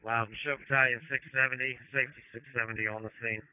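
A man commands a fire scene over crackly two-way radio. His delivery is quick, terse and procedural. The narrow scanner audio is dry and phone-like. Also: mid-range voice, steady tone, clean tone, no room sound. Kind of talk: emergency radio dispatch traffic.

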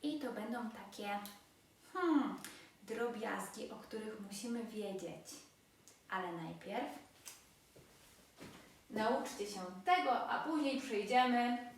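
A woman teaching a language lesson, explaining slowly and stressing each example word. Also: mid-range voice, lively intonation, distant mic, slight background noise. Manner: slow, deliberate explaining with emphatic example words. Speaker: Spanish teacher. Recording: very echoey room, voice from afar.

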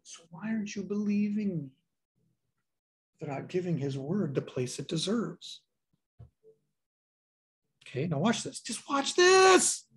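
A woman's voice: fairly low pitch, big pitch swings, a little slow, long pauses, slightly rough. A woman pastor giving a sermon, reading scripture aloud and repeating key lines for emphasis.

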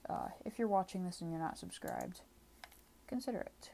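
Speaking at a moderate pace in a low-leaning, gravelly, mellow voice, this woman runs a gaming channel and comments on gameplay from her home room. She comes across as constantly tired, rambling and offhand, and her desk mic picks up a little background noise.

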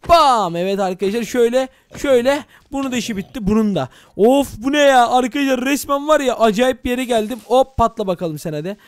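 A young man narrating a Minecraft let's-play to his viewers, excitable and full of exclamations. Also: extremely high pitch, a little fast, few pauses, smooth, no room sound, clean studio sound. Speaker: gaming YouTuber.

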